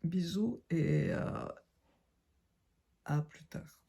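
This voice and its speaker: A middle-aged woman, sick and hoarse, talks through a casual product review at home into her phone. Her voice is gravelly, husky and darkly muted. She chats on with plenty of hesitant restarts. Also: fairly low pitch, wildly swooping pitch, extremely slow, warm tone. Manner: chatty and hesitant, often restarting phrases. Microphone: phone camera.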